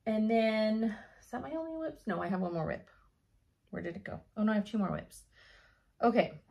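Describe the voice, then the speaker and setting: Filmed by a desk camera facing her, a young adult woman gives a talkative update on her cross-stitch from her craft room at home. She speaks fairly quickly at a medium pitch, a bit hoarse and laughing as she muses, and the audio's highs are cut off.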